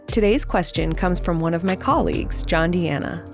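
A woman's voice: fairly low pitch, normal speed, creaky, faint music behind. A woman hosting a podcast, reading an upbeat scripted introduction. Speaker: podcast host.

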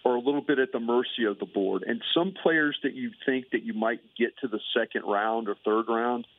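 Calling in remotely on a tinny phone line, this guest analyst has a mid-range voice and a fairly quick delivery on a dry recording. His casual chat rambles and is full of fillers.

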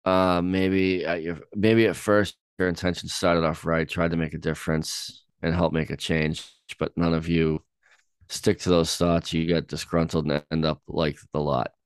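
A young man co-hosting a casual song-reaction chat, talking in a halting way with many ums and restarts. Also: low voice, level tone, clear, resonant tone, dry recording. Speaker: podcast co-host.

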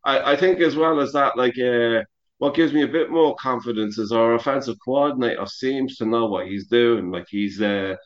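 A man's voice: mid-range voice, normal speed. A man co-hosting a casual sports podcast, talking in long, opinionated stretches full of "like" and "you know". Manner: rambling, opinionated, heavy use of "like" and "you know". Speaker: podcast co-host. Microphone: remote call over the internet. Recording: muffled internet call audio.

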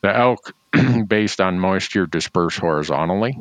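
A man with a distinctly low voice, recorded dry and close. He talks casually like a host in an outdoors chat, explaining things in folksy, plain terms. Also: expressive, a little slow, no echo. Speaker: host of a hunting talk show.

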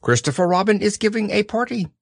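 A man's voice: sits high, expressive, fast talker, creaky, no echo, studio quality, full character voice. A man reading a storybook aloud, voicing a fussy, self-important male owl. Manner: fussy, prim and emphatic.

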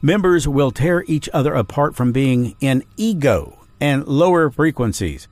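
Male podcast host, lively scripted narration, dry close sound. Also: medium pitch, no room sound. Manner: measured storytelling, reading quotes. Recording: dry studio voice with faint music.

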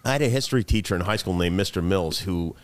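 A man on a podcast, earnestly telling a memory from high school. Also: fast. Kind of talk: casual chat.

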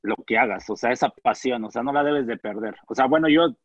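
A man's voice: medium pitch, fairly quick, no room sound. A man on a sports podcast panel, an old-guard voice insisting on passion and comparing today with past eras. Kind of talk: casual debate. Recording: dry, muffled lo-fi mic.

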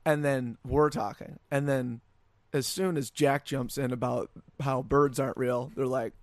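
A man's voice: mid-range voice, steady tone, a little slow, no room sound. A man co-hosting a podcast, chatting casually. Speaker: podcast co-host. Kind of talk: casual chat.

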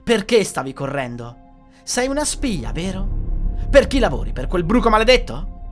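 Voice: mid-range voice, very animated, moderate pace, natural voice. A narrator voicing a cruel, domineering heavyset queen who interrogates and threatens a prisoner, over faint music. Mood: cruel imperious. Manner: imperious, interrogating, scornful.

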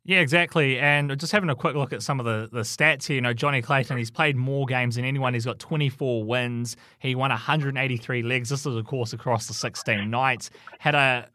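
A man's voice: medium pitch, steady tone, fairly quick, few pauses, bright, forceful tone, dry recording, studio quality. A man hosting a casual sports radio chat in a conversational way, reading out statistics. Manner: conversational, reads out stats. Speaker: radio show host.

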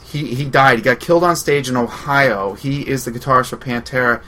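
A man's voice: medium pitch, a little fast, bright, forceful tone. A man co-hosting a radio show, casually telling a rambling story full of fillers and swearing.

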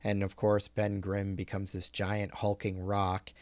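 Guy hosting a movie podcast, lowish voice, dry sound. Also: monotone, unhurried, darkish tone, no room sound. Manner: leads the recap, conversational with fillers. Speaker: podcast host. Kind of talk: casual film discussion.

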